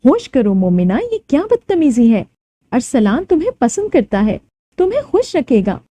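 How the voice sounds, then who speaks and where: A firm, scolding middle-aged mother in a storybook tale, voiced by a woman narrator. The voice sits fairly high and swings widely in pitch, with a dark, mellow tone. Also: huge pitch swings, moderate pace, full character voice. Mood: angry. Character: stern worried middle-aged mother scolding her daughter.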